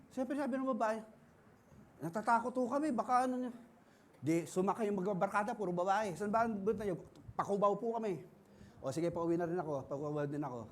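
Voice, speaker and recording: High-pitched Filipino male pastor, animated sermon storyteller. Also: slight background noise. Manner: animated preaching, acts out dialogue, laughs often.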